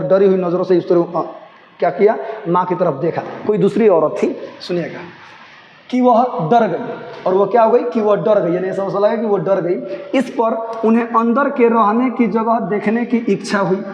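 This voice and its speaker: A high-voiced man explains a story to his students line by line. He reads each sentence, then restates it in plainer words and keeps urging them to listen closely. The recording sounds roomy, with a long echo, a dull lo-fi tone and faint noise behind. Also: a little mellow. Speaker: teacher.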